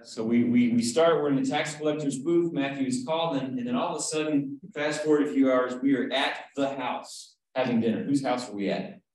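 A man's voice: mid-range voice, brisk, few pauses, a little mellow. Man, Bible study teacher, conversational, quizzes group, video call, very echoey room. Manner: conversational, asks the group questions, frequent "right?".

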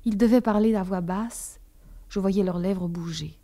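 Woman reading a novel aloud, calm even pace, warm mellow voice. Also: mid-range voice, a little slow. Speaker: audiobook narrator. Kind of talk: literary audiobook narration.

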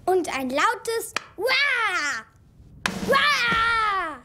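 A woman voicing an excitable cartoon boy mouse who lets out a loud, drawn-out monster roar. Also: very high-pitched, exaggerated voice. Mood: gleefully scary.

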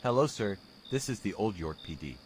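Very deep, formal policeman played by a man. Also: very animated. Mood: calm, official. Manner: formal, unhurried, matter-of-fact. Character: calm, businesslike male police officer in horror game. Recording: clear background noise, chirping crickets.

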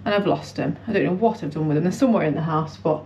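A woman's voice: deep voice, quick pace, darkish tone, dull audio, a little hiss or hum. A young British woman chatting casually to her vlog in a colloquial, self-deprecating way. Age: young adult. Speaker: running vlogger. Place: indoors in a house hallway. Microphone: camera at arm's length or propped nearby.

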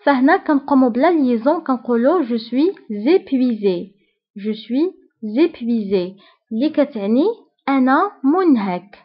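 Breathy Moroccan woman teaching slowly. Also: sits high, lively intonation. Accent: Moroccan Arabic. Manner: slow deliberate repetition of example phrases. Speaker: French teacher. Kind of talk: scripted language lesson. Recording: dull lo-fi recording.

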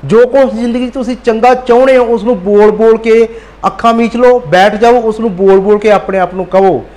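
A man with a notably high-pitched voice gives a motivational talk. He is earnest and exhorting, and he hammers points home by repeating them. He speaks straight to his listeners as friends. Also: fairly even intonation, brisk, a little mellow. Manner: addresses listeners directly as friends.

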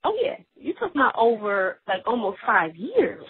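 A woman's voice: fairly high pitch, sing-song, measured pace. A woman appearing as a guest on a faith talk show, speaking in an earnest, confessional way as she shares her experiences. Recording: dry, tinny phone-line sound.

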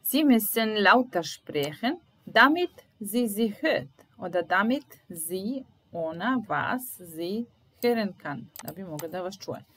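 A woman teaches German, sounding out each sentence slowly and repeating it so learners can follow. Her voice sits at a middle pitch, and the pace stays deliberate and patient. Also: lively intonation, a bit bright, low-quality recording. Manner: slow, deliberate repetition of phrases. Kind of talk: language lesson, translating sentences aloud.

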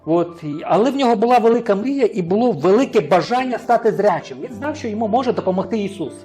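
Ukrainian pastor, high voice, sermon with rhetorical questions, faint music under him. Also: male voice, animated, fast talker, dark tone. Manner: asks the congregation questions and answers them himself; hesitant, restarts words.

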